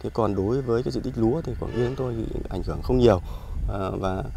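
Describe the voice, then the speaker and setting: A man's voice: mid-range voice, quick pace, vocal fry, noisy background. A man, an agricultural official giving a hesitant news interview with many fillers.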